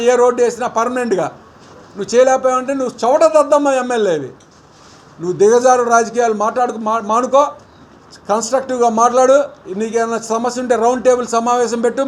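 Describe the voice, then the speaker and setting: A man speaks in a strikingly high, strained register for a man. He is a middle-aged opposition politician confronting a rival in a combative, scolding press statement, pressing one accusation after another.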